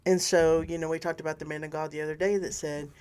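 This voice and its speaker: Lively older woman, rambling faith talk. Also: low voice, quick pace. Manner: animated, rambling, restarts often. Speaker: podcast co-host. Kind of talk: casual faith discussion.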